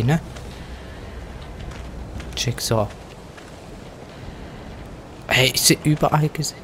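A man commenting casually on a horror game as he plays it, joking to himself, dropping to whispers at tense moments and breaking into loud outbursts. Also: medium pitch, slight background noise. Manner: joking running self-talk, sudden loud outbursts. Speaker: let's play gamer. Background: faint game music.

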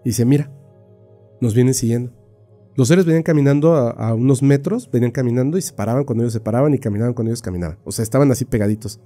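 Very dark-voiced man telling a story. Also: medium pitch, very fast, soft background music. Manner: animated retelling with many fillers and mouth sound effects. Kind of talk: casual podcast storytelling.

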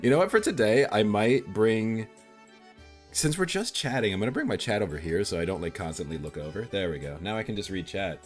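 A man's voice: fairly low pitch, animated, a little fast, faint music behind. A man streaming live as a VTuber, chatting casually in a playful, rambling way and swearing freely.

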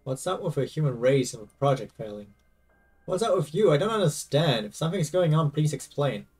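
A man's voice: a little high, very animated, a little fast, darkish tone, husky, distant mic. A man reading aloud as a young male game protagonist, confused and anxious, over faint game music.

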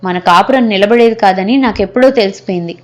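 Defiant sharp-tongued young wife, read by a woman. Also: mid-range voice, brisk, lightly acted. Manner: cutting, defiant retorts.

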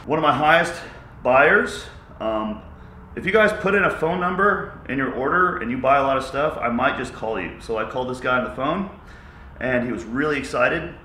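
A man in his thirties chatting casually to camera for a fitness vlog, goofy and excitable, jumping between loud bursts and low asides. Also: normal speed, a little hiss or hum. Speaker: fitness vlogger. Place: echoey home gym. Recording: echoey room.

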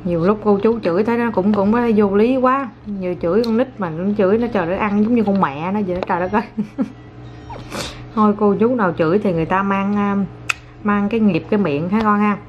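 A woman's voice: mid-range voice, a little fast. A mother chatting at home with her toddler and her viewers, coaxing and playful, often laughing. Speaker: mother and vlogger. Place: home, indoors. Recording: dull lo-fi home video with faint noise.

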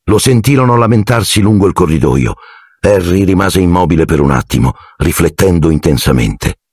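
Gravelly low-voiced man narrating an audiobook. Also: dry recording, clean studio sound. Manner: measured storytelling. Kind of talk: scripted narration.

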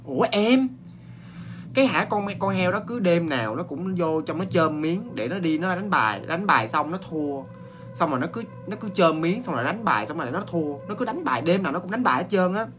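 Chatty Southern Vietnamese ghost-story teller. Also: male voice, fairly high pitch, a little fast, faint music behind. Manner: chatty, exclaiming, animated with many restarts. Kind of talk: casual ghost-story telling.

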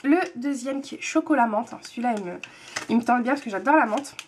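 A woman's voice: fairly high pitch, quick pace, slight background noise. A young woman in her twenties chatting to camera as she unboxes a monthly tea box, gushing and repeating words for emphasis. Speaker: book and tea vlogger. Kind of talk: casual unboxing chat to camera.

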